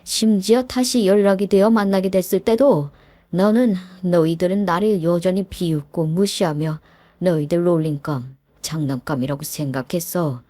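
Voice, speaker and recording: A woman voicing a calm, deeply hurt middle-aged man who was bullied, speaking quietly, firmly and measured. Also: no room sound, close to an everyday voice. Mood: cold resolve. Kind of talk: story narration with acted dialogue.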